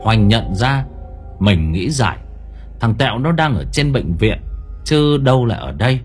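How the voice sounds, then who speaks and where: A man narrating a horror audiobook with suspenseful, expressive delivery. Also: medium pitch, normal speed, soft background music. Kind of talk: dramatic horror story narration.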